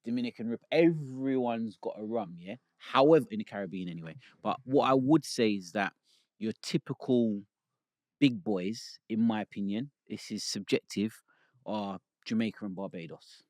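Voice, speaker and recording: A man, hosting a relaxed, bantering podcast chat. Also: lowish voice, moderate pace, dry recording, clean studio sound. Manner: relaxed, laid-back banter with laughs. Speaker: podcast host. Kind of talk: casual chat.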